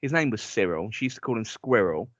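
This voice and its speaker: A man's voice: lowish voice, expressive, a little fast. A man with an Essex accent co-hosting a podcast, telling amused stories in casual banter. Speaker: podcast co-host. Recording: dull dry lo-fi podcast audio.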